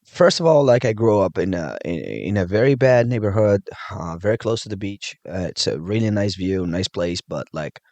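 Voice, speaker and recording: Deep-voiced man from Morocco, chatty. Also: normal speed, hardly any pauses, no room sound. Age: 30s. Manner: animated, laughing, fills with "like" and "you know". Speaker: judo instructor, podcast guest. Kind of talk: casual storytelling chat.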